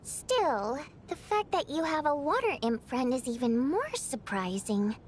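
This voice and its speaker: Bright-spirited, high-voiced young water imp. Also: female voice, a little slow, slight background noise. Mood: earnest. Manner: expressive, theatrical, easily flustered. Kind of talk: animated game voice acting.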